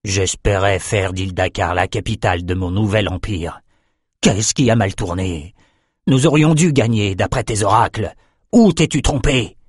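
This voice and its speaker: A man's voice: lowish voice, moderate pace, breathy edge, dry recording, studio quality. A man voicing a brutal, proud pirate king who speaks in a commanding way. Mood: demanding.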